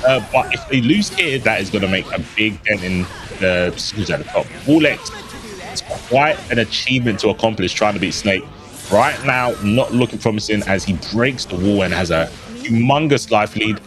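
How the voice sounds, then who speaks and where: A man's voice: on the low side, a bit bright. A man co-commentating a live fighting game with playful, joking banter. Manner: playful banter, loose and laughing. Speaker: esports co-commentator.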